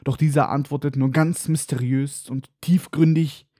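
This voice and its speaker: A man's voice: on the high side, steady tone, normal speed, mellow, no echo, studio quality. A man hosting a casual book podcast, recapping chapters with sarcastic, irreverent asides. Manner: sarcastic, irreverent, mock-dramatic. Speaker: podcast host.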